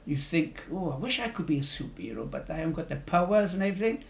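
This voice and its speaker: A man's voice: a little high, animated, quick pace, vocal fry, slight background noise. An older man from South Wales giving a rambling, wordy interview with theatrical phrasing. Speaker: interview guest, charity fundraiser. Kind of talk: conversational interview. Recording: echoey room interview.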